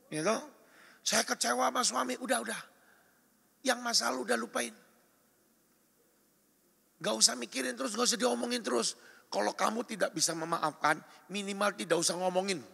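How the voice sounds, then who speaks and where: Husky high-voiced pastor preaching in a hall. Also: male voice. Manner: emphatic, exhorting, swings between loud calls and soft asides. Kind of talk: sermon. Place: church or retreat hall. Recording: reverberant hall recording.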